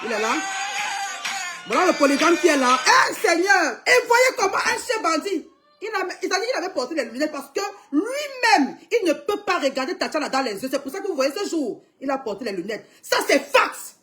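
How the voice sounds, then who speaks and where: A woman's voice: high-pitched, very animated, moderate pace, sharp tone. A young woman commenting emphatically on a live stream, urging viewers to watch, with frequent cries to God. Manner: exclamatory, calling on God.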